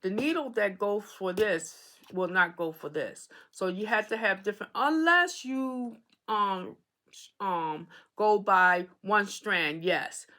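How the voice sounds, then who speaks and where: A woman's voice: mid-range voice, lively intonation, takes it slowly, sharp tone. A woman hosting an embroidery tutorial, explaining materials in a casual, chatty way and often checking in with "okay?". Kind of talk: casual how-to demonstration.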